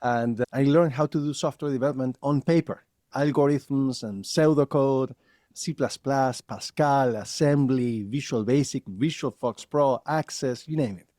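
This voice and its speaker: A man from Argentina in his forties, a podcast guest who tells his career story with animated energy and frequent laughter. His voice has a dark, warm tone. The sound is dry and close. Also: mid-range voice, measured pace, no room sound. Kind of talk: casual interview.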